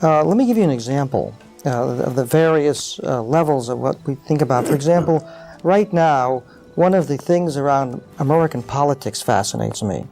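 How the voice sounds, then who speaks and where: A middle-aged man as an interview guest, talking thoughtfully with many pauses and fillers, explaining ideas with rising animation. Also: fairly high pitch, lively intonation, darkish tone, soft background music. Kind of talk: reflective interview conversation.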